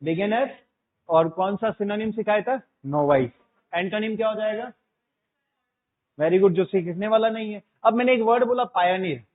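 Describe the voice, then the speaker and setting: High-voiced male teacher on a tinny recording. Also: moderate pace. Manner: drills students with repeated questions, calls them 'beta'. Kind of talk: classroom vocabulary lesson. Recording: tinny phone-like sound.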